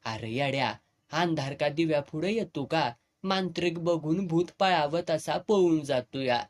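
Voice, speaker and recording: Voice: medium pitch, measured pace, natural voice. A narrator puts on an older village headman, earthy and commanding, with a broad rural Marathi lilt. He speaks in a mid-range voice, blunt but fatherly. It sounds like a spoken village storybook. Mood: expansive. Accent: rural Marathi village dialect.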